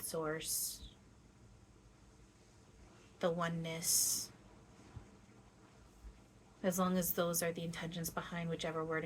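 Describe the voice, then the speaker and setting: A woman speaking as a seance medium, voicing a gentle, playful, loving spirit guide who teaches in halting phrases with long pauses. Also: fairly low pitch, rough recording. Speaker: trance channeler. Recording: clear steady background noise.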